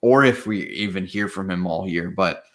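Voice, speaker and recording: Low-voiced young podcast host. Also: male voice, moderate pace, a bit bright. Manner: laughs easily, leads topics. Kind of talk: casual sports chat.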